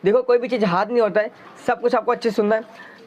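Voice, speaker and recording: A man's voice: very high-pitched, fairly even intonation, quick pace, a little mellow. A man teaching a school science lesson in a chatty, coaxing way, asking his students questions as he goes. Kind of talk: explaining a science lesson in Hindi. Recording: dull lo-fi sound.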